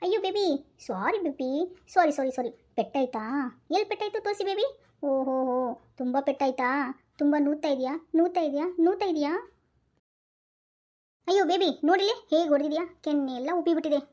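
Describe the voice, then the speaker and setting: A woman's voice: high voice, a little fast, long pauses, mellow, lightly acted. A woman voicing a bossy young wife in a Kannada cartoon, with a North Karnataka accent, scolding and coaxing by turns. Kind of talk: cartoon voice acting.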